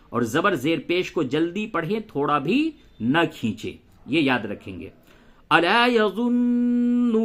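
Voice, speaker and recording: A man teaching Quran recitation, patiently spelling letters aloud and reciting verses very slowly. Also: on the high side, a bit bright. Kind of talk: tajweed lesson with slow recitation and spelling.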